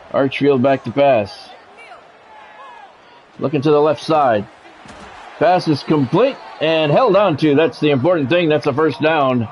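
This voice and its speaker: On a video game stream, a medium-pitched man delivers radio-announcer-style sports play-by-play mixed with casual asides. The lo-fi recording sounds dull, carries music in the background, and has a slight hiss or hum.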